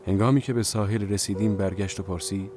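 Deep-voiced man reading a novel. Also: steady tone, background noise. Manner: measured, reflective reading. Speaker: audiobook narrator. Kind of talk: scripted literary narration.

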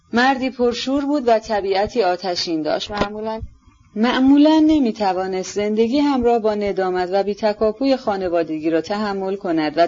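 A narrator reads a long novel aloud at a steady, measured pace. The voice sits at a middle pitch, and the recording sounds dull and lo-fi. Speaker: audiobook narrator.

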